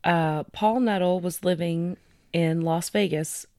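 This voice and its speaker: On a true-crime podcast, a woman co-host chats conversationally through cases, with fillers and a slow reading of the details. Her low, mellow voice comes through clean studio sound with no room sound.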